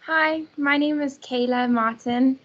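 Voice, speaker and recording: A woman's voice: high-pitched, steady tone, slow pace, a bit bright. A young woman, a student on an online panel talking conversationally. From South Africa. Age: young adult. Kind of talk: casual panel answer. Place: video call. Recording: slightly dull call audio.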